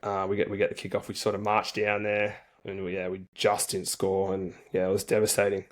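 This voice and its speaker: A man's voice: fairly low pitch, monotone, fairly quick. A man speaking as an interview guest, telling stories in a laid-back, colloquial way with plenty of slang. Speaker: interview guest, rugby league player for a national team. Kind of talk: casual interview storytelling.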